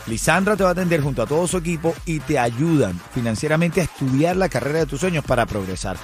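A man hosting a morning radio show, energetic and playful. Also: a little high, quick pace, faint music behind. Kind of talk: lively radio banter.

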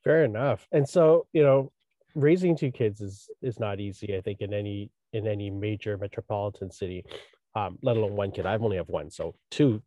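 Man, podcast host, mellow dark voice, dry close sound, rambling questions, lots of "you know". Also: lowish voice, fairly quick, no echo, highs cut off. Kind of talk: casual interview conversation.

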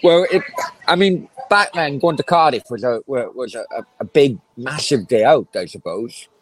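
A man in his forties with a South Wales Valleys accent, answering reflectively and haltingly in a casual interview. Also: mid-range voice, expressive, dry recording, poor audio. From Merthyr, South Wales. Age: 40s. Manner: halting, hesitant delivery with many pauses. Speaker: interview guest, former councillor.

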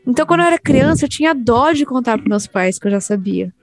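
A young adult woman, a podcast co-host, chatting casually among friends and telling lively anecdotes in which she acts out the voices. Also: fairly high pitch, fast, no echo. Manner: animated storyteller, acts out voices in her anecdotes.

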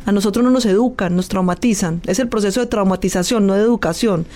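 A woman's voice: medium pitch, fast, a little mellow. A woman from Colombia, a guest expert, explaining things in an earnest, lecturing way in a studio. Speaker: guest, clinical hypnosis expert. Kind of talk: explanatory interview talk. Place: studio booth.

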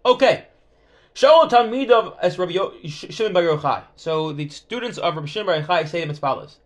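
High-pitched man teaching a Talmud class. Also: animated, brisk. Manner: explanatory, stop-and-start, poses questions and answers them.

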